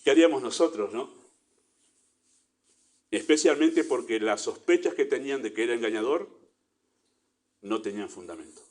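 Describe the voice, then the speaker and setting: A man's voice: medium pitch, lively intonation, normal speed, pauses often. A man with a Rioplatense Spanish accent preaching a sermon in church, conversational, with little acted asides. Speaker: pastor.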